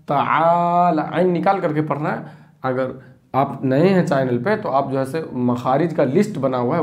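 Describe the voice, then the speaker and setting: Patient man drawing out syllables. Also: on the high side. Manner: patient, repetitive, drawn-out syllables. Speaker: Quran reading teacher. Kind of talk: spelling-out lesson.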